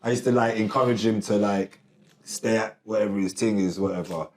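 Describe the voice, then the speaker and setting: This rapper guest speaks in a lowish, steady, darkish voice, a little fast, keeping the interview casual with laid-back slang, lots of "you get me," and frequent laughter. It's recorded with roomy sound in a recording studio.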